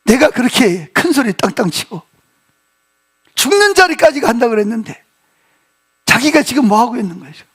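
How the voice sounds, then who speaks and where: A male pastor preaching a sermon, telling the story with lively acted-out quotes and questions to the congregation. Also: very high voice, normal speed, pauses often, slightly rough. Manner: animated storytelling, acting out quoted speech, asking the congregation questions. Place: church sanctuary.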